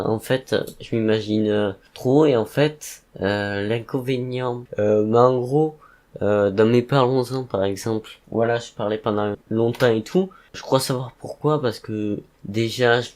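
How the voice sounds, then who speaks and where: Calm man with a rusty, low voice. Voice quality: rusty, slightly rough tired voice. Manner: calm, subdued, hesitant and rambling. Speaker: content creator hosting a podcast-style update. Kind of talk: casual, relaxed evening monologue.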